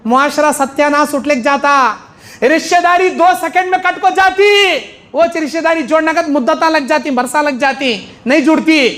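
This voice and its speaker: A man delivers a mosque sermon in a high, bright-pitched voice. He speaks emphatically, hammering points through repetition and briefly acting out the people he quotes. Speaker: preacher.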